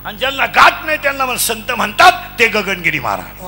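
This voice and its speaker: A man's voice: high-pitched, wildly swooping pitch, a little fast, sharp tone, slight background noise. A middle-aged man preaching a comic devotional sermon, chanting rhythmic lists and quizzing his audience. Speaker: kirtan preacher.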